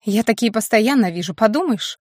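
A woman's voice: a little high, animated, brisk, a little mellow, dry recording, clean studio sound. A woman voicing a capricious, teasing female witch in an audiobook, in a playful sing-song manner. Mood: sly.

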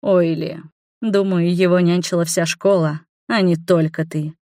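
Woman doing a calm, gentle man. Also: lowish voice, dry recording, studio quality, lightly acted. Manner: calm, soft and slow.

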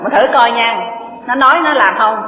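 A woman's voice: fairly high pitch, normal speed, noisy background. A woman gives a homely Buddhist sermon. She tells stories in a conversational way and keeps checking in with the listeners. The recording is thin and phone-like, with a long echo from a big hall. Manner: folksy, conversational, asks the audience questions. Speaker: Buddhist dharma teacher. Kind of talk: sermon with storytelling. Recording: tinny, echoey hall recording.

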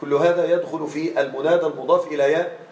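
A man with a fairly high voice teaches grammar in a classroom lesson. He stretches out each example form slowly and keeps checking that the students follow. The room sounds echoey and hollow. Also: fairly even intonation, a little mellow. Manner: checks on students with frequent questions; drawn-out slow spelling of example forms.

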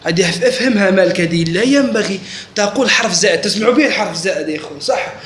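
A high, slightly bright male voice races along with lively intonation as a religious teacher runs his classroom lesson. He regularly checks in with questions to confirm the students understand, and the recording carries echo and faint noise.

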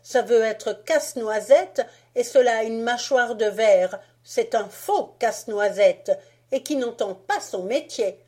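A woman's voice: on the high side, measured pace, slightly rough, pitched above the performer's own voice. Fritz, a woman playing a swaggering bossy boy. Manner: loud, swaggering.

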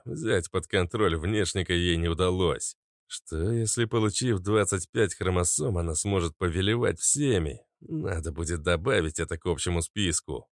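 A man narrating a fantasy audiobook in an even, measured reading. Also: low voice, no echo, clean studio sound. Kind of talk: scripted narration.

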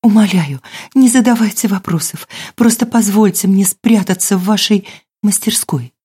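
A man's voice: high-pitched, moderate pace, warm tone, husky, voice pushed up. A woman narrator voicing a frightened young woman fugitive who pleads breathlessly, partly in a whisper. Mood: desperate pleading.

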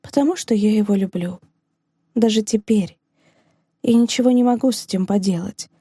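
A woman reading an audiobook, voicing a heartbroken woman teacher who speaks in a hushed, trembling but firm manner. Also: mid-range voice, moderate pace, husky, no echo, studio quality, close to an everyday voice. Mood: sorrowful, resolute.

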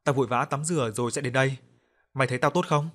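A man plays a talkative young woman, the heroine's best friend, in a horror audiobook. She speaks bluntly and briskly, scolding and teasing in the same breath. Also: medium pitch, fairly bright tone, lightly acted.

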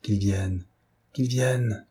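A man reading the lines of a self-assured male gentleman thief from an audiobook, speaking in a commanding, wry and boastful way. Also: on the low side, moderate pace, breathy edge. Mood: tense murmur.

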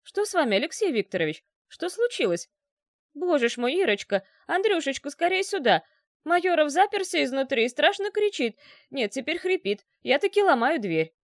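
Fussy chattering male doctor as a woman reads him, audiobook, high lively voice, dry. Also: a little fast, no echo. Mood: alarmed. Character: fussy middle-aged male doctor, wheedling.

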